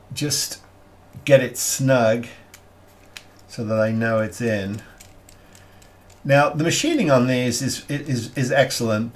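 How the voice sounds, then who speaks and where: A man talking through a scale model build step by step, halting and thinking aloud with plenty of fillers as he works. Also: medium pitch. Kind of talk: hobby build tutorial.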